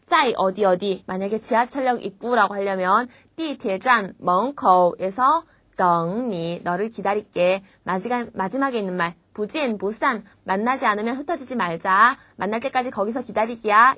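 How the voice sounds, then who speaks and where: A Korean woman teaching a beginner Chinese lesson, patiently modelling each word slowly before explaining it. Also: mid-range voice, sharp tone, no echo.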